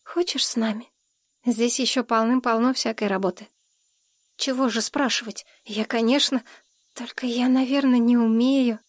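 A woman's voice: a little high, steady tone, moderate pace, no echo, natural voice. A woman voicing a timid eager young boy. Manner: hesitant, anxious questions. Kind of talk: audiobook character voice.

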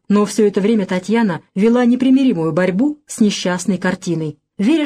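Female audiobook narrator, calm measured storytelling, middle pitch. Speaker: audiobook reader.

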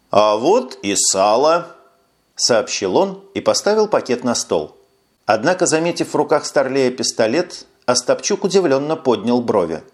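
Man narrating a story in a measured voice. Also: mid-range voice. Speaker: audiobook narrator. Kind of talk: scripted narration.

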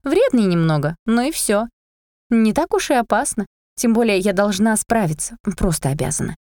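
A woman's voice: mid-range voice, normal speed, no echo, clean studio sound. Woman reading a fantasy audiobook. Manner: lively, expressive reading. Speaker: audiobook reader. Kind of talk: first-person fantasy audiobook narration.

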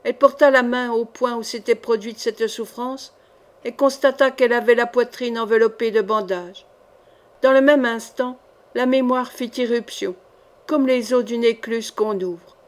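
A woman narrating a classic swashbuckling novel in a measured, expressive reading voice. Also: fairly high pitch. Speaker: audiobook reader.

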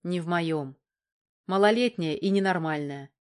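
A woman's voice: on the low side, unhurried, darkish tone, lightly acted. Woman doing a curt, dry-spoken man. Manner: dry, terse.

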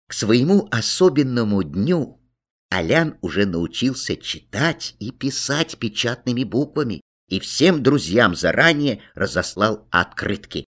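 A man narrating a children's story with an expressive delivery. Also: on the low side. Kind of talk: storybook reading.

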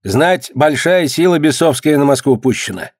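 A man performs the role of a boastful, gossipy street trader who claims to know everything, pitching his voice higher than his natural one. The delivery is slightly high, lively in intonation and at normal speed, recorded in a clean studio with no room sound.

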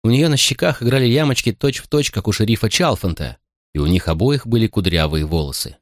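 Low-voiced male audiobook narrator. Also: fairly quick, no room sound, clean studio sound. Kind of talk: scripted narration.

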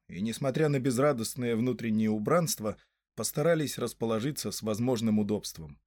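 A man narrating a storybook in a scripted reading, lively and expressive. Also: mid-range voice, no room sound. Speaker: audiobook narrator.

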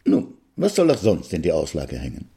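A man's voice: low-pitched, wildly swooping pitch, normal speed, creaky, warm tone, breathy edge, heavily acted. A man doing a dry, patient old-world circumciser.

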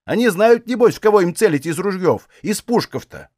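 A man's voice: sits high, very animated, a little fast, darkish tone, dry recording, studio quality, pitched above the performer's own voice. A man voicing a nosy, grumbling old widowed Cossack aunt who chides in folksy village speech. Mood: scoffing. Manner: chiding, fussy village speech.

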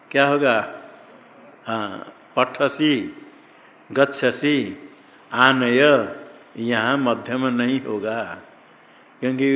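A man's voice: mid-range voice, a bit bright. A man teaching Sanskrit grammar to a class in Hindi, firing question after question at his students and repeating key terms, in a large reverberant classroom. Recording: long hall reverb, faint room hiss.

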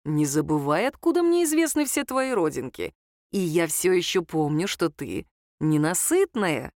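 A woman's voice: very animated, moderate pace, no room sound, clean studio sound. Woman voicing a cocky, teasing young man. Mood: playful. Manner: low purring teasing delivery.

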